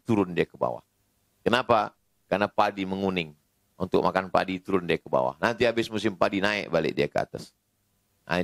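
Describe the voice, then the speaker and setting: A man's voice: on the low side, no echo. A middle-aged man preaching a sermon, telling stories animatedly and acting out the voices of the people he quotes. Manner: animated storytelling, acting out quoted voices, rising to near-shouts.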